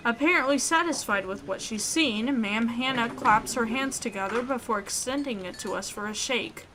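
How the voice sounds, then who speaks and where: A woman reading a visual novel aloud in an expressive way, with reactions as a gaming YouTuber. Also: on the high side, normal speed, rough recording.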